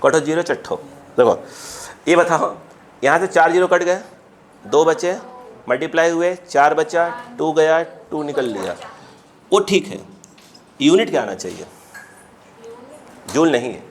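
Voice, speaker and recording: A physics teacher lecturing a class, slowly dictating questions and then explaining in a quick, chatty way. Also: male voice, fairly high pitch, animated, slight background noise.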